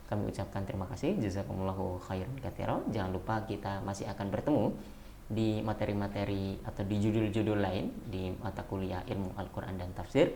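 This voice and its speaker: Female moderator, very low and dark, brisk and polite, formal sign-off with faint room noise. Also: fairly even intonation. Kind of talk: closing announcements.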